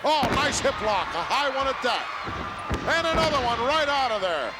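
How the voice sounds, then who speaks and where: A man's voice: extremely high pitch, sing-song, normal speed, heavy background noise. A man giving play-by-play wrestling commentary.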